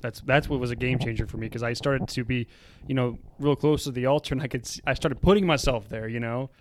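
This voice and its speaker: A man's voice: medium pitch, fast. A man casually sharing a personal reflection in a conversation. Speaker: panel guest. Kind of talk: casual chat.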